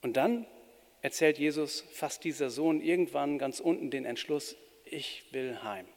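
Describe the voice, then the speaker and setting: A pastor giving a sermon in an earnest, plain-spoken way with shifting emphasis. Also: male voice, a little high, a little slow. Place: church. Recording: reverberant church hall.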